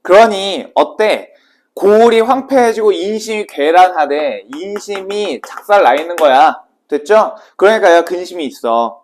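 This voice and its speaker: A male Korean literature teacher giving a casual exam prep lecture, quizzing his students and then answering his own questions. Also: sits high. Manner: brisk and casual, asking students questions and answering them himself.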